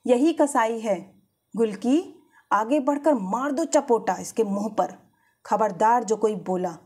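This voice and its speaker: A woman voicing a fierce, domineering woman who shouts harsh orders, in a husky voice. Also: mid-range voice, big pitch swings, normal speed. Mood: angry command. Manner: loud, harsh scolding.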